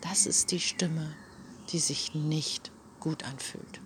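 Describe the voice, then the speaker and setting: A woman speaking in a personal, reflective monologue, often dropping into a soft half-whisper and talking straight to the listener. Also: sits low, steady tone, slow pace. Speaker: self-help speaker.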